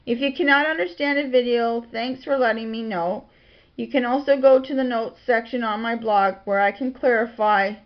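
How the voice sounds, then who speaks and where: Soft-spoken woman vlogging, lo-fi recording. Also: fairly high pitch. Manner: soft-spoken, quiet delivery; reads lists of titles and dates. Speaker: blogger. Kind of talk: casual vlog talk. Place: small home office. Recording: dull lo-fi home recording.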